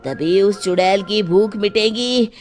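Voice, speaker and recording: A woman's voice: mid-range voice, a little slow, a little mellow, natural voice. A woman voicing a grave, ominous holy man who makes solemn pronouncements in a horror comedy story. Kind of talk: comic horror audio storybook acting.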